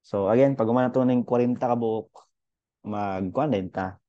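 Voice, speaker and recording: A man's voice: mid-range voice, normal speed, no room sound, dull audio. A young man teaching a casual physics lesson, chatty and thinking aloud with fillers as he goes through units.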